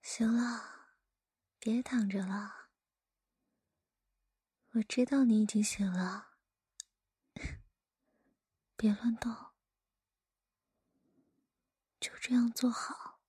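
Woman acting a teasing older sister, breathy whispered role-play right in your ear. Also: on the high side, fairly even intonation, warm tone, no room sound, studio quality, full character voice. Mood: teasing, intimate. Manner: slow, intimate whispering right in the listener's ear. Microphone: close microphone, dry.

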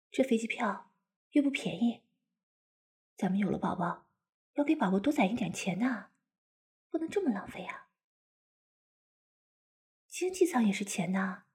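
A woman playing a coquettish, doting young wife in an intimate audio role-play, cutesy, pouty and wheedling, with a breathy voice. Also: mid-range voice, darkish tone. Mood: hushed, gently chiding.

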